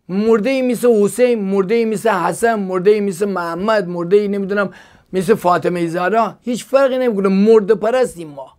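A man with a high voice for a male speaker preaches as a pastor on a call-in TV program. He talks with fervor and keeps asking the viewers pointed rhetorical questions. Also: darkish tone.

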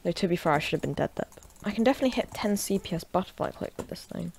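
A woman at her desk at home, casually talking through a product unboxing and gameplay, chatty and offhand, breaking into loud shouts while gaming. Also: lowish voice, lively intonation, rapid-fire, noisy background. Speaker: tech reviewer and gamer.

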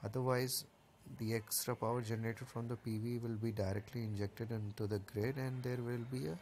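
A man's voice: medium pitch, fairly even intonation, brisk, a little mellow, a little hiss or hum. A man walking through a rooftop solar installation, explaining each part step by step in a plain, casual way, with the odd filler. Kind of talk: casual technical walkthrough.

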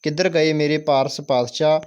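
A man's voice: on the high side, steady tone, normal speed, darkish tone, smooth, close to an everyday voice. A man reading the part of an eager, devoted old village woman in a school play, in his own voice. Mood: pleading.

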